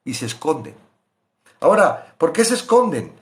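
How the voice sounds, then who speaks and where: Animated preacher man. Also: on the high side, normal speed. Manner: animated, swings from loud questions to hushed asides; acts out biblical voices in quoted asides. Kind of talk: sermon.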